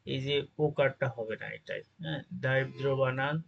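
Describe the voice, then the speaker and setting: A man's voice: mid-range voice, fairly even intonation, normal speed, vocal fry, dull audio. A man teaching an exam-prep grammar lesson, reading out word lists and often checking in with his listeners. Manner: reads word lists, checks in with "ঠিক আছে?".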